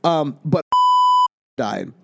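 A man's voice: medium pitch, very slow, vocal fry, heavy background noise. A young adult man co-hosting a casual podcast, telling stories loosely and acting out quotes in a jumpy voice. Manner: animated storytelling, acts out quotes. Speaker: podcast co-host. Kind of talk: casual chat.

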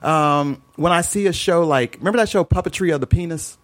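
A man's voice: fairly high pitch, fairly quick. A man co-hosting a podcast, telling stories in informal, slangy casual chat. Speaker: podcast co-host.

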